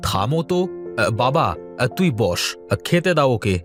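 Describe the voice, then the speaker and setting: Cartoon: calm indulgent farmer dad, mid-pitched, lively inflection. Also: male voice, measured pace, faint music behind. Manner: soothing, indulgent, good-humoured. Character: easygoing village farmer father, indulgent and calm. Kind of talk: cartoon voice acting.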